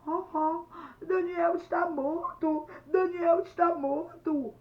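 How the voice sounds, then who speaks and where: A woman's voice: very high voice, fairly even intonation, slow pace, echoey room, voice pushed up. Woman doing a sobbing young boy. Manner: sobbing, insisting it was not his fault. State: crying. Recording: dull lo-fi sound, slightly distant, faint noise.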